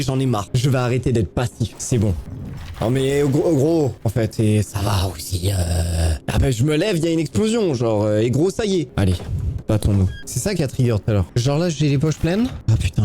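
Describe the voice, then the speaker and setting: Young guy streaming a horror game, jumpy and chatty, voice swings all over, mellow tone. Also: mid-range voice, expressive, a little hiss or hum. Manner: jittery, talks fast to viewers, bursts into laughter. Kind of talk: horror gameplay commentary.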